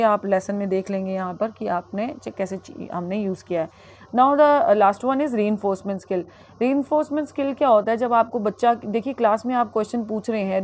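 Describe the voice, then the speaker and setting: Lady teacher explaining stuff in a lecture, lots of uh and sorry, hindi english mix, mid pitch. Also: darkish tone. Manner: mixes Hindi and English, frequent fillers and self-corrections. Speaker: teacher educator.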